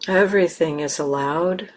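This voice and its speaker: Guiding a meditation, this teacher speaks in a low-pitched voice, soft and unhurried, leaving long pauses between her words.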